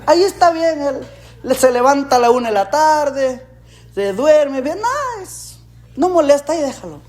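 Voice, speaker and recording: A man's voice: very high-pitched, big pitch swings, normal speed, darkish tone. A man playing a dismissive male Satan in a story within his sermon, in an offhand tone. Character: lazy-minded male Satan, dismissive and unbothered.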